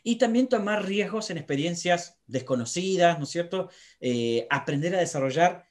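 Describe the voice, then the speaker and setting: A man speaks as a psychologist in lively conversation, voicing parents and children as he explains. His voice sits a little high for a man, and he keeps checking in with rhetorical tag questions. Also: normal speed. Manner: animated, with many tag questions.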